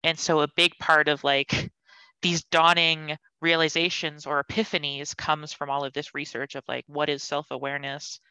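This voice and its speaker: A woman's voice: deep voice, little pitch movement, moderate pace, sharp tone, smooth, dry recording, poor audio. A young woman in her late teens, a podcast guest, talking earnestly and thoughtfully. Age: young adult. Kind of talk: casual conversational interview.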